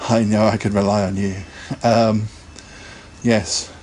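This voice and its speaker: A man's voice: on the low side, flat delivery, slow pace, darkish tone, slight background noise. A man hosting a casual live podcast, chatting in a rambling way and laughing often. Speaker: podcast host.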